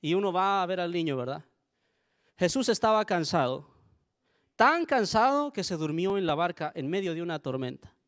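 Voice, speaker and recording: High-voiced man preaching earnestly. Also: big pitch swings, moderate pace, fairly bright tone. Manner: earnest, conversational preaching with asides to the congregation. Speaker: pastor. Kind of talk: sermon.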